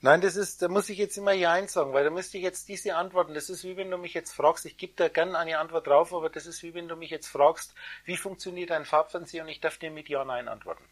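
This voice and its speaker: A spiritual teacher telling a story to a live audience, dramatic and addressing listeners directly, with loudness rising and falling sharply. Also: mid-range voice, fast, few pauses. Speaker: spiritual teacher giving a talk.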